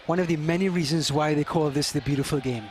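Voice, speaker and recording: A man giving color commentary on a soccer match, talking through plays and players in a measured, explanatory way. His voice is a little higher than most men's. Light background noise runs underneath from the stadium booth. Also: fairly even intonation, darkish tone. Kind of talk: live soccer analysis.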